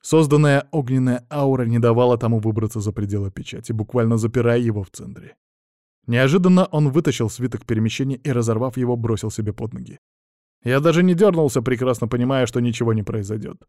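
A man narrating a first-person fantasy audiobook in a steady, even storytelling manner. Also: medium pitch, fast talker, no echo, clean studio sound.

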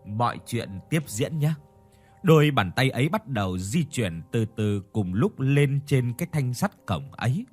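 A man narrates a spooky tale with a very lively, swooping pitch, drawing out the tense moments. Faint music plays softly behind him. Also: measured pace. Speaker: storyteller. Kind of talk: scripted ghost story narration.

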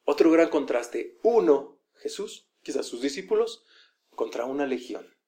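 Male preacher, mellow tone, conversational sermon delivery. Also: on the high side, very animated, measured pace. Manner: conversational, acts out quoted voices.

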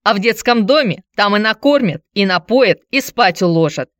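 A woman reading a story, voicing a worn-out, drunken ex-wife who pleads and shouts tearfully. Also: lively intonation, normal speed, dry recording, clean studio sound, lightly acted. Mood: shrill pleading. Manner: shrill, pleading, tearful outbursts.

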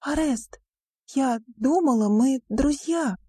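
A woman voicing a frightened teenage girl in an audiobook, pleading in a high voice. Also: slow, warm tone, no room sound, clean studio sound. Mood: hurt.

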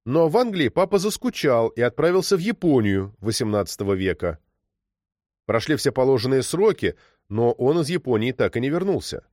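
A man reading a story aloud as narrator, expressive and storytelling. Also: mid-range voice, normal speed, dry recording, studio quality. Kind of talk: audiobook reading.

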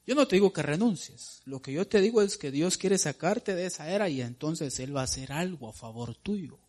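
A man preaching with a slightly raised pitch, his delivery emphatic and full of repetition. He keeps calling his listeners brother, letting his voice fall low and quiet before climbing again into loud, excited exclamations. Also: moderate pace. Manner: emphatic, repeats phrases and calls the listeners brother; pitch and loudness swing widely, dropping low then rising to excited cries. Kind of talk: sermon.

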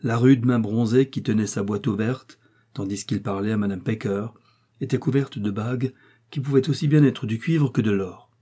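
Un narrateur masculin de livre audio, au débit mesuré. Sa voix est plutôt grave, au timbre sombre. Le grain est légèrement voilé. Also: male voice, on the low side, moderate pace, warm tone, husky. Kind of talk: audiobook reading of a novel.

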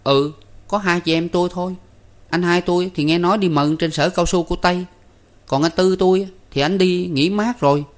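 A man voicing Năm, an excitable young street tough who blurts out his words in a high voice. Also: normal speed, natural voice. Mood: explaining.

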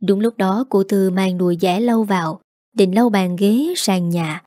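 A woman's voice: mid-range voice, measured pace, warm tone, dry recording, studio quality. A woman reading a serialized drama story aloud, voicing every character in her own voice. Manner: reads every character herself with small voice shifts.

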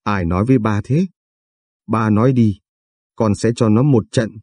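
A man's voice: on the low side, moderate pace, a little mellow, dry recording, natural voice. A man voicing a young son-in-law who protests and flares up indignantly. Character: young son-in-law, defensive and quick to anger.

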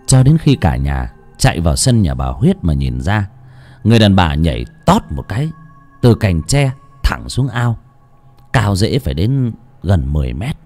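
Brief: male audiobook narrator, warm, dark tone, highly animated delivery. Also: normal speed. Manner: expressive storytelling with wide swings in pitch. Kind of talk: scripted horror story narration. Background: faint music.

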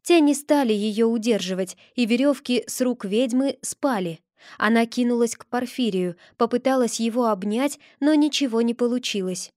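A woman narrating a first-person fantasy audiobook in a lively, expressive storytelling way. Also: fairly high pitch, moderate pace, no echo, studio quality.

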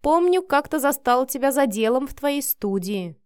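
A woman's voice: high-pitched, lively intonation, moderate pace, dry recording, studio quality, voice pushed up. A woman reading an audiobook voices a domineering, harsh male boss who growls his curt, menacing lines. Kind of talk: audiobook character voice.

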